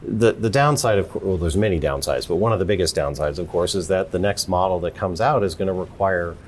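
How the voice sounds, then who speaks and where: Deep-voiced man explaining thoughtfully. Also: a little fast, a little mellow, a little hiss or hum. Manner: thoughtful, explanatory, with frequent restarts. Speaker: interview guest. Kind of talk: conversational interview.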